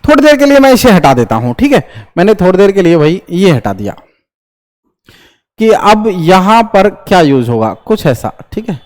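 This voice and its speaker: High-voiced Hindi grammar teacher. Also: male voice. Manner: asks students quick questions and answers them himself; lively, repeats checks like "understood?". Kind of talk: classroom lecture.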